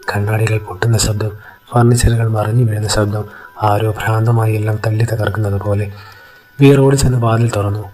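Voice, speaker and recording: A man narrating a film recap in a steady, even storytelling manner. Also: lowish voice.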